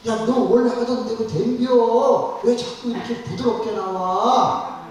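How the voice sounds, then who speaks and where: A man playing a gruff, bewildered middle-aged husband, talking in a rough, bossy voice. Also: medium pitch, slow, a little mellow, lightly acted. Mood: baffled. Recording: echoey church hall from far off.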